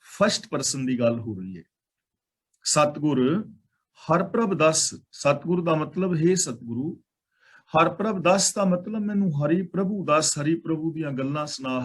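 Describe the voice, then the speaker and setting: A man with a Punjabi accent teaching Sikh scripture line by line. He intones each verse slowly, then explains it in plain everyday talk with some English words mixed in. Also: fairly high pitch.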